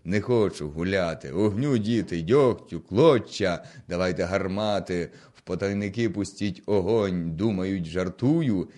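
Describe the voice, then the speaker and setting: A man voicing a stern old Cossack leader who shouts orders in a loud, low, slow voice. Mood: commanding.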